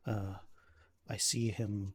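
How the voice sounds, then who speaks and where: A man voicing a stressed, tired young nobleman who speaks in a formal, halting, old-fashioned way. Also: fairly low pitch, flat delivery, slight background noise. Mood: worried. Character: weary young nobleman, grieving son of a town leader.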